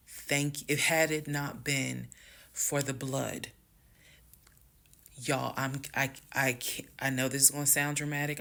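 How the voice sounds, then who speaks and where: Woman, gravelly voice, animated and dramatic, talking to camera on a phone. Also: very deep voice. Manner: animated, dramatic, talks straight to viewers. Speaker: storyteller. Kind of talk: casual storytime.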